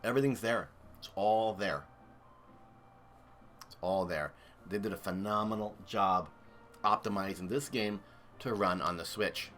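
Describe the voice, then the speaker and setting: A man's voice: fairly low pitch, measured pace, pauses often, a bit bright, faint music behind. Chatty man commentating gameplay. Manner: chatty, enthusiastic, thinks aloud. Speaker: game streamer.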